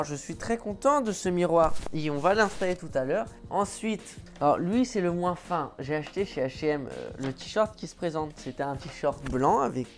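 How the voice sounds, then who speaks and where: A man from France chats to his viewers from home in a loose, joking vlog. He sounds offhand and playful. Soft music plays faintly behind him. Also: on the high side. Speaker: vlogger. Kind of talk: casual vlog chat. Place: at home indoors.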